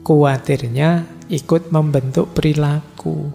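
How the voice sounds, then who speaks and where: A middle-aged male lecturer teaches in an easygoing, conversational way. His voice sits a little high for a man, with a dark, gravelly texture. The sound is a long-reverb hall recording with faint music underneath. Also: slow. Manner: relaxed, conversational teaching with everyday examples. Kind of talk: philosophy lecture.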